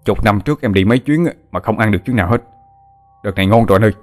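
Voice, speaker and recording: Excitable young villager, as a male narrator puts him on, low voice, quick and eager, faint music behind. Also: lightly acted. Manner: excited, rising to frantic shouts.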